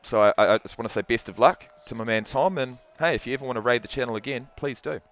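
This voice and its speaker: A man's voice: mid-range voice, quick pace, a bit bright, muffled recording. A man with a New Zealand accent casually commentating a football livestream and reading out chat, rambling and restarting often.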